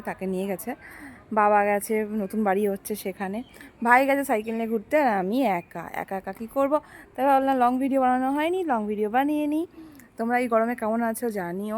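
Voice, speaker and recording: A young woman, sitting outdoors and chatting softly in a casual vlog while still unwell, with many hesitations. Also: mid-range voice, a little hiss or hum. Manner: quiet and subdued, with many hesitations. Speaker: vlogger.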